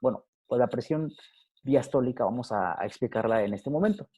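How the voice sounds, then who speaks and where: Halting lecturer, mellow voice. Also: male voice, mid-range voice, breathy edge. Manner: halting, many fillers and tag questions. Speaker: physiology lecturer. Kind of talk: recorded lecture over slides.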